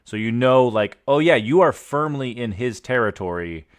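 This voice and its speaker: A man's voice: medium pitch, animated, moderate pace, smooth. A man acting as game master, explaining lore with lots of fillers and restarts. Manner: rambling, filler-heavy explaining. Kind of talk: improvised narration for a tabletop game.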